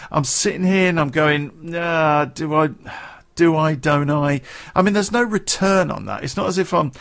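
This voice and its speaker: A man's voice: mid-range voice, gravelly. A man vlogging to his viewers in a casual, rambling way. He swears freely and often restarts his sentences. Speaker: gaming vlogger.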